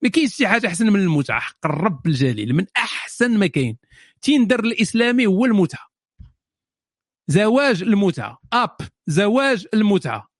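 A man's voice: sits high, big pitch swings, dry recording, studio quality. A man with a Moroccan accent hosting a solo question-and-answer show, delivering a sarcastic, mocking monologue. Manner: sarcastic, mocking, rapid-fire. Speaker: host answering viewer questions.

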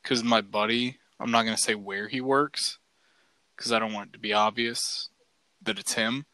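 Bright-voiced man rambling casually. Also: on the low side, moderate pace, no room sound, poor audio. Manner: relaxed, rambling, heavy use of "like". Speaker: podcast co-host. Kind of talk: casual chat.

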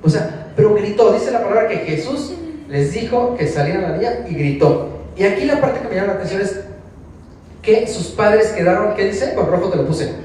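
A man's voice: high voice, expressive, moderate pace, darkish tone, distant mic, a little hiss or hum. A man with a Mexican accent preaching an informal sermon in a church, chatty and asking the congregation questions. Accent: Mexican Spanish. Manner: conversational, asks the congregation questions. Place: church hall. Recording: very echoey hall, voice from afar.

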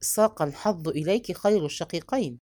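A woman reading as an anxious young man, hushed. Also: on the low side, lively intonation, quick pace. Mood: uneasy.

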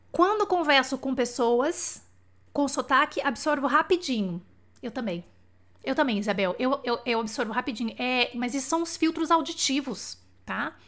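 A woman's voice: sits high, fairly bright tone. A Brazilian woman hosting a casual live lesson, talking conversationally to viewers and often checking in with questions. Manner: chatty and conversational, often addressing listeners with questions and check-in tags. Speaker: live-stream host and language teacher.

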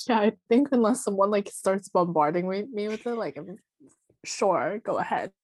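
A woman's voice: medium pitch, animated, normal speed, darkish tone, slightly rough, no echo. A young woman chatting casually over a video call, blunt and teasing with her opinions. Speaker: co-host.

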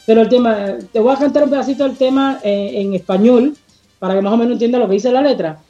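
The guest is a Cuban singer, a woman with a Cuban Spanish accent and a warm, fairly high voice who talks fast. She responds to interview questions emphatically and passionately, at times searching for a word, over a muffled recording with soft background music.

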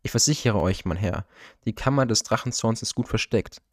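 A proud but nervous guardian of an ancient people, read by a man in a storybook audiobook, firm yet uneasy and respectful. His voice sits low, and the recording is dry and close. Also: moderate pace, dry recording, close to an everyday voice. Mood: earnest, uneasy.

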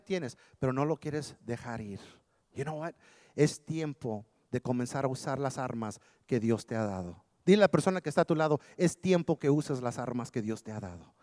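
A man preaching a sermon, drawing call-and-response from the congregation, swinging between loud outbursts and hushed lines. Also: medium pitch, no room sound, clean studio sound. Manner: call-and-response, switching between Spanish and English, shouting and hushing. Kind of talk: bilingual sermon.

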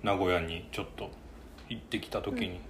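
A man's voice: sits low, moderate pace. A middle-aged man with a Kansai accent, chatting informally as a podcast host. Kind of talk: casual podcast chat. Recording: faint background noise.

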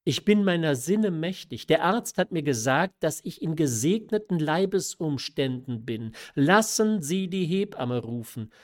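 A man's voice: a little high, lively intonation, unhurried, hardly any pauses, pitched above the performer's own voice. A man voicing a desperate young noblewoman. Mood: imploring. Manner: emotional, imploring. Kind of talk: audiobook reading of a classic novella.

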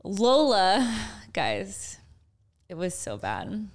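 A young woman talks through a story on her podcast in a loose, chatty way, full of fillers and asides. Her voice sits a little low for a woman. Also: expressive, moderate pace. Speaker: podcast co-host. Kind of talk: casual chat.

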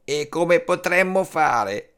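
Man voicing timid caged parakeets for a storybook tale; higher, slower, pleading, gravelly tone. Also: lively intonation, a bit bright, full character voice. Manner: slow, high, pleading voice. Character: small timid caged parakeets, noisy and fearful.

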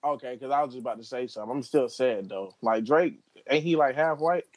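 A man's voice: mid-range voice, fast talker, no room sound. A man in playful, teasing casual chat full of slang.

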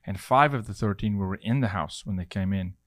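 A man's voice: lowish voice, a little fast, fairly bright tone, no echo, clean studio sound. A South African man in his forties from Johannesburg, hosting a podcast interview in a casual, conversational way. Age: 40s. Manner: conversational, restarts often. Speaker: podcast host.

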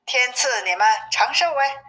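A woman's voice: high-pitched, expressive, measured pace, a bit bright, pitched above the performer's own voice. Woman reading as a cheeky boastful monkey king. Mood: teasing. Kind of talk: storybook reading. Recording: narrow phone-like sound.

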